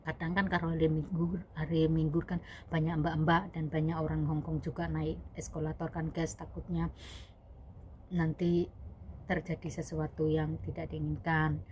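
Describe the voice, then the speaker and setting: A woman's voice: deep voice, flat delivery, moderate pace, darkish tone, a little hiss or hum. A young woman vlogger, a domestic worker abroad, telling a personal story in a rambling, self-correcting way and addressing viewers as "guys". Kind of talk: casual spoken storytelling.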